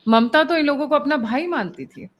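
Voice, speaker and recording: A woman's voice: sits high, lively intonation, brisk, crowd noise. A woman hosting an interview who cuts in with emphatic remarks. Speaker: interviewer host. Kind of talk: conversational interview.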